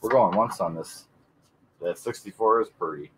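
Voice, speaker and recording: A man's voice: on the low side, normal speed, noisy background. A man hosting a live coin auction, joking and reading bids from chat. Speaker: auction host. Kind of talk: casual live auction banter.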